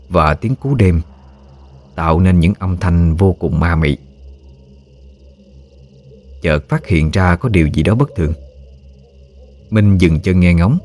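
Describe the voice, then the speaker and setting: A man narrating a ghost story in a slow, ominous storytelling manner. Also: low-pitched, darkish tone.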